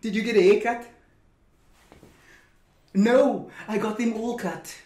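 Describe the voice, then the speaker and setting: A man's voice: sits high, steady tone, takes it slowly, darkish tone. A young man telling dad jokes in a casual face-off, giving setups and punchlines, recorded outdoors from a camera a little way off. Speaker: dad joke contestant. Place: outdoors on a couch by a brick house wall. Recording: echoey sound.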